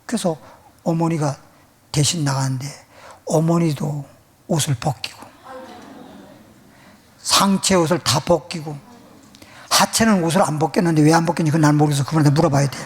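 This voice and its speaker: Gravelly preacher telling a dramatic story. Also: medium pitch. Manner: dramatic, swings from loud to whispered. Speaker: pastor. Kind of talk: sermon storytelling. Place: church.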